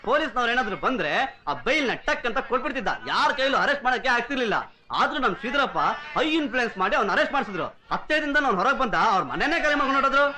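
A man's voice: very high voice, expressive, very fast, sharp tone, exaggerated voice. An actor playing a gossipy man who chuckles as he tells of a rogue's tricks. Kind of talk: film dialogue.

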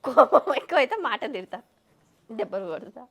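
A woman's voice: fairly high pitch, lively intonation, moderate pace, vocal fry. A woman, playfully calling out guesses in a casual family game. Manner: playful, repeats guesses aloud, laughs. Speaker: vlog host, guessing player.

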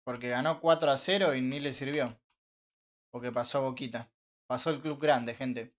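A young man with an Argentine Rioplatense accent, chatting casually with his live-stream viewers while gaming, joking, swearing and breaking into frustrated shouts. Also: mid-range voice, steady tone, normal speed. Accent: Argentine Rioplatense Spanish. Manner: banters with chat, swears, bursts into frustrated shouts.

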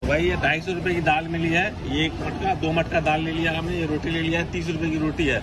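A man's voice: fairly high pitch, little pitch movement, fast. A middle-aged man chatting casually as he films a travel vlog on a phone at arm's length. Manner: chatty, narrating on the move. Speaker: vlogger. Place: bus, roadside dhaba and highway halt, outdoors at night and dawn. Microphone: phone held at arm's length. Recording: noisy outdoor traffic.

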